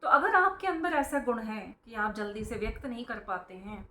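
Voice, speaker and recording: A woman with a slightly high voice gives an informal spiritual talk, explaining her points earnestly. She calls her listeners friends and briefly acts out how strict parents hush their children. The sound is roomy and echoing. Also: very animated, normal speed, slight background noise.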